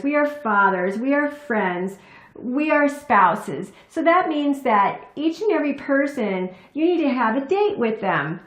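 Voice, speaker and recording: A woman's voice: on the high side, echoey room. A woman hosting a relationship advice talk, speaking earnestly and often asking "right?" to check in with the viewer. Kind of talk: casual advice talk to camera.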